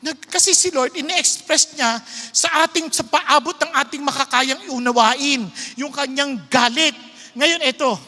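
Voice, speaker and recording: A preacher with an extremely high voice and a bright, cutting edge delivers a sermon in a church. The delivery is emphatic and conversational, often checking in with the listeners. A long reverb trails after each phrase. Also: a little slow.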